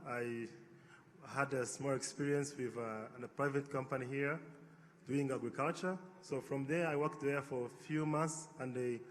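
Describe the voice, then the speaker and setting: A man's voice: medium pitch, slight background noise. A man in his thirties speaks on a conference panel in a mid-range voice. He talks earnestly but hesitantly, leaning on fillers as he explains. Long hall reverb and faint ambience surround him. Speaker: agribusiness entrepreneur, panelist.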